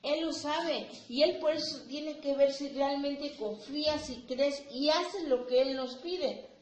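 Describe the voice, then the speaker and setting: A woman preacher giving a sermon, speaking deliberately and asking the congregation rhetorical questions. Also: high voice. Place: church hall. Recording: echoey room with faint ambient noise.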